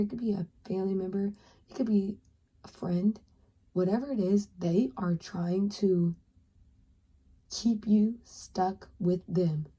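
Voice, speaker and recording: A young woman doing a pick-a-card tarot reading, speaking earnestly and encouragingly to the viewer, sometimes dropping into a soft whisper. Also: medium pitch, husky. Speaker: tarot reader.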